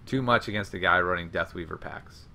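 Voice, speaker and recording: A man hosting an online card game show, commenting casually on matches and interviewing the winner, chatty and quick to laugh. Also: low voice, gravelly. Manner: chatty, laughs often, animated outbursts. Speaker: host and commentator.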